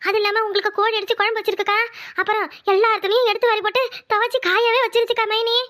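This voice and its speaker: High-voiced performer as a chatty gossiping helper. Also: level tone, sharp tone. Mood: tattling. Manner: quick, tattling, calling everyone akka. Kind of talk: Tamil family drama voiceover.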